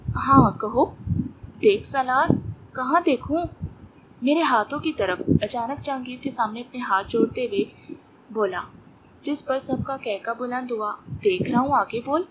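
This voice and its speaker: A woman with a slightly high voice reads a romance novel aloud, voicing every part without changing her tone. A clear hiss and clicking sit under the whole recording. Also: measured pace. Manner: reads all parts in her own voice. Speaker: novel narrator. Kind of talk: audiobook reading of a romance novel.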